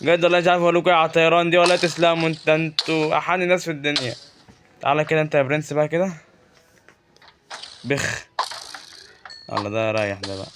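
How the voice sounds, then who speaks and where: A man's voice: fairly high pitch, noisy background. A man with an Egyptian Arabic accent giving casual Let's Play commentary, chatty and joking, talking back to the game's creatures. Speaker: gaming YouTuber.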